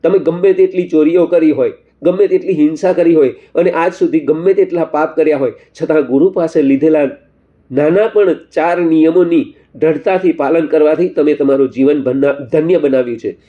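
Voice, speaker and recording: A man voicing a devout male friend who calmly exhorts others in a storybook tale. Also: a little high, moderate pace, phone-quality sound, natural voice. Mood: exhorting. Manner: calm, exhorting. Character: devout male lay friend, steady and sincere.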